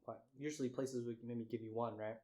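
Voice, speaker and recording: Young man chatting casually, flat and halting. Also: medium pitch. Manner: halting, trailing off and restarting. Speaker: mukbang vlogger. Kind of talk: casual chat to camera.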